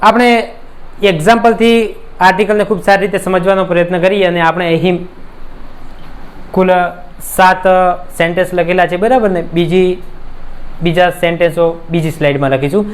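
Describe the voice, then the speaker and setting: A man's voice: sits high, steady tone, normal speed. A man with a Gujarati accent teaching an English grammar lesson, patiently explaining with examples and often asking "right?". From India. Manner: keeps asking "right?" to check understanding; addresses students as friends, explains patiently with examples.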